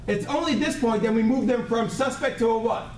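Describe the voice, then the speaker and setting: This man's voice is very high and his pace fairly quick as he gives a blunt, emphatic motivational sales training talk to a group gathered in a training room. He hammers key words through repetition and keeps checking in with his listeners. Faint noise, a distant mic, and room echo color the recording.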